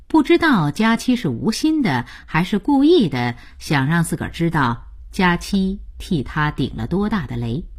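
A woman with a Beijing accent narrating a radio serial in an expressive storytelling manner. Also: lowish voice, breathy edge.

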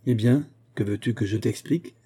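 A man's voice: lowish voice, moderate pace, warm tone, breathy edge. A man voicing a cheerful, teasing young male officer who talks in a breezy, chatty, mocking way.

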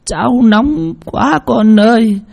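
A man's voice: high-pitched, animated, takes it slowly, vocal fry, a little mellow, pitched above the performer's own voice, exaggerated voice. A man voicing a frail, bedridden old mother who begs in broken phrases. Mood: pleading. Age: older. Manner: faltering, broken, begging.

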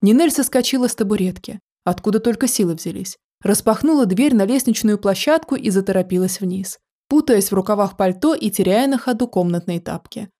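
Mellow woman reading a story aloud. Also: mid-range voice. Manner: steady, measured reading. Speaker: narrator. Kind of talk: storybook narration.

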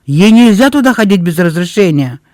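A man reading aloud, voicing an excitable mother of young children who exclaims loudly and gushes. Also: mid-range voice, fairly quick, no echo, clean studio sound, close to an everyday voice. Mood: annoyed. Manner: loud, exclamatory and gushing.

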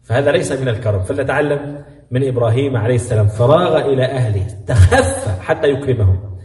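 A man with an Egyptian Arabic accent giving a religious lesson on the Quran, mixing classical and colloquial Arabic and putting lively questions to his listeners. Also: mid-range voice, fast. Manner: lively and conversational, asks the audience questions. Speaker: Islamic preacher giving Quran commentary. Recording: echoey hall, mic at a distance.

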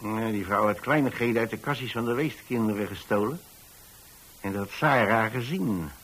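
An actor with a fairly low, slightly bright, husky voice plays a kindly retired landlord, an older man telling a radio-drama story about his young lodger. He talks at a moderate pace in a hesitant, folksy, chatty way, sympathetic in mood and full of small asides. The recording quality is low.

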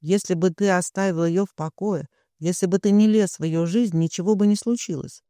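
A distraught middle-aged mother, shrill and pleading, her voice pushed up high, as a male audiobook reader puts her on. She sounds close and dry. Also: fairly even intonation, brisk, mellow, no echo, close to an everyday voice. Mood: accusing. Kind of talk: audiobook reading.

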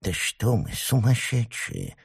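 A man voicing a stern old grandmother who mumbles and speaks in a hushed voice, in a storybook reading. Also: mid-range voice, wildly swooping pitch, slow pace, creaky, slightly rough, pitched above the performer's own voice, full character voice. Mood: insistent.

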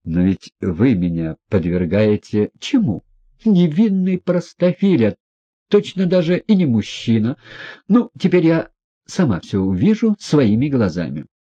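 A man voicing a hot-tempered, imperious older noblewoman who scolds in shrill outbursts. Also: big pitch swings, measured pace, dark tone, breathy edge, dull audio. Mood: scolding.

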